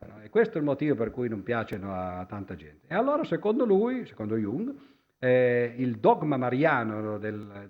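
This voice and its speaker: A man's voice: medium pitch, muffled recording. A man giving a public lecture with slides, speaking conversationally, hesitating with fillers and constantly ending his phrases with a questioning "no?". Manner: hesitant, with many fillers and restarts. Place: lecture hall before an audience.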